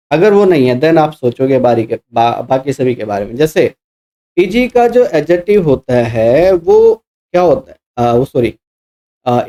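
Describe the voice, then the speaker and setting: A man's voice: on the high side, dark tone. A male teacher for exam prep who explains answers step by step, spells letter by letter and corrects himself as he goes. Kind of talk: explaining mock test answers.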